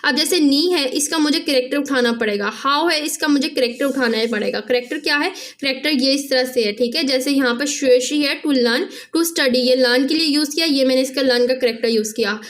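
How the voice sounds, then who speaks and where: A woman teaching a casual language lesson, often checking in with "theek hai" and slowing down to spell out sounds. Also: sits high, fairly bright tone. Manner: repeats "theek hai" after each point, spells out sounds slowly.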